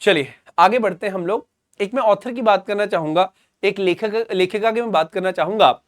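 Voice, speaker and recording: Indian male tutor, high voice, dry close sound, recaps the points again and again for exam students. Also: moderate pace, dry recording. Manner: explains simply, mixes Hindi with English phrases, repeats key points; calls students "beta". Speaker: exam coaching teacher. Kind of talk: current affairs lecture.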